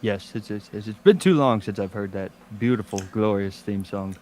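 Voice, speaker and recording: A man co-hosting a casual podcast, joking crudely with deadpan asides. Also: fairly low pitch, moderate pace, a little hiss or hum. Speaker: podcast co-host. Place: home studio.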